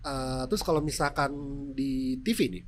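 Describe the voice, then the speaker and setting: With a mid-range voice and moderate pace, a man with a Sundanese accent, Sundanese being his first language, explains his work as a TV news presenter. He is a guest on a podcast, speaking casually in an interview and demonstrating through acted-out examples.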